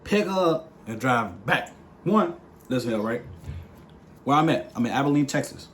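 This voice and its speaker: A young man casually telling the story of how he met his partner, in a playful, slangy, animated way. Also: medium pitch, moderate pace, a little hiss or hum. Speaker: vlog co-host.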